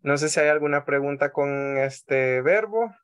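A man with a Salvadoran Spanish accent teaching a language class over a video call, patient, often repeating words slowly and checking in with the class. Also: fairly high pitch, expressive, clear, resonant tone.

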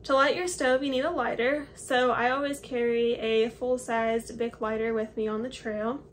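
A chatty hiking vlogger in her twenties displays her hiking gear to the camera from a small home office, explaining every item she holds up. Her fairly high voice stays steady at normal speed, with a little hiss or hum.

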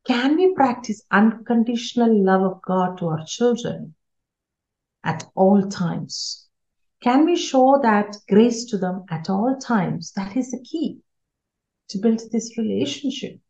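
Animated yet slow, this woman's voice sits on the high side with a dark tone. She gives an earnest parenting talk, repeating key words for emphasis, and the video-call audio is roomy and slightly dull.

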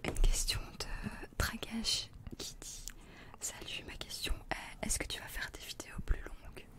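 A woman in her twenties co-hosts by reading viewer questions aloud in a breathy ASMR whisper, stumbling a bit as she goes. She's in a small attic room, close to a desk condenser mic.

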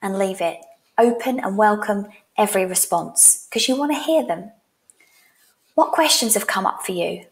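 A woman in her thirties presents as a sales coach, teaching in a direct, encouraging style through a headset mic. Her voice is mid-range and moderately paced, and she records indoors in a small room at home.

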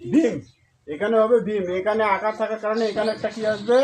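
A man teaching pronunciation, asking questions and answering them himself, breaking words into syllables and chanting verse lines slowly in a melody. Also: sits high, fairly even intonation, slight background noise.

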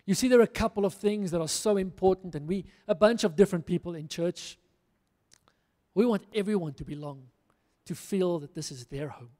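Brisk and warm in tone, a fervent high-voiced male preacher from South Africa delivers a sermon as pastor. He stands on a church stage in a large hall with a handheld microphone, earnest and rousing, using emphatic repetition, while long hall reverb lingers.

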